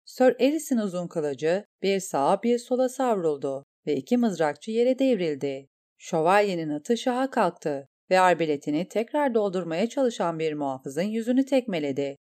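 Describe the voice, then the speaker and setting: A woman narrating a fantasy novel in a measured, dramatic reading style. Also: lowish voice, sing-song, a little mellow. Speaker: audiobook narrator. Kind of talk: scripted narration.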